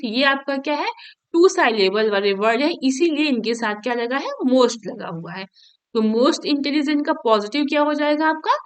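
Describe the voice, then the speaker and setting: A woman teaching from an exam paper, explaining each step and checking in with her students as she goes, reading English examples out slowly. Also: sits high, clean tone.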